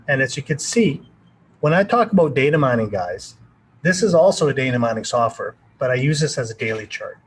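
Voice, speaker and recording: A man hosts a live trading webinar as a trading educator, fielding viewer questions in a loose, rambling manner full of fillers and restarts. His voice is mid-range, and the low-quality recording carries slight background noise.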